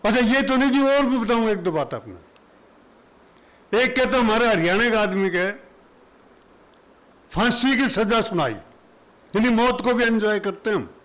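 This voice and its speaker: A man's voice: sits high, expressive, normal speed, pauses often, a bit bright, poor audio. A man from Haryana with a Haryanvi accent, telling folksy jokes and humorous verse to an audience in an auditorium, speaking into a stage mic. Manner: folksy, chatty joke-telling in Haryanvi dialect. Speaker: comic poet performing on stage. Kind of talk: stand-up humorous storytelling and verse. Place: auditorium before a live audience.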